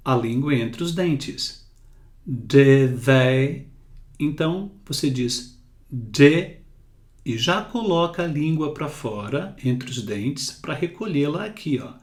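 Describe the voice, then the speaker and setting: A man teaching English pronunciation to Portuguese speakers, with a Brazilian Portuguese accent, slowly drilling and repeating words. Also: on the high side, roomy sound. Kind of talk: slow pronunciation lesson.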